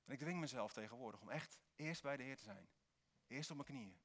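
Dutch guy preaching, mid pitch voice, earnest, gets animated sometimes. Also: fairly quick. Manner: earnest, with sudden lively emphasis. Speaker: pastor. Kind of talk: sermon.

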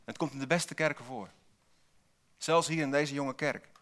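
A man's voice: mid-range voice, moderate pace, a bit bright. A man preaching a sermon in a church, posing rhetorical questions and repeating single key words for emphasis, with dry asides to the congregation.

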